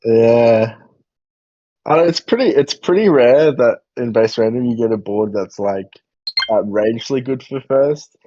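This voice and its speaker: A man's voice: mid-range voice, measured pace, mellow, lo-fi sound, a little hiss or hum. A man chatting casually as a player during a board game match, teasing and joking with the others. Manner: teasing, jokey banter. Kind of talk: casual gaming chat.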